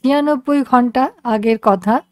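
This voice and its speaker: A woman reading a literary story aloud in a measured, reflective and expressive way. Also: on the high side, dry recording. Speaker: story reader.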